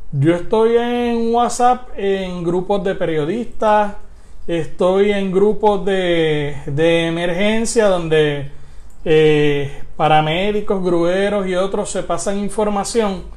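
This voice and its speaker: A man's voice: high-pitched, takes it slowly, a little mellow. A man with a Puerto Rican Spanish accent hosting a live stream, talking casually with frequent hesitations.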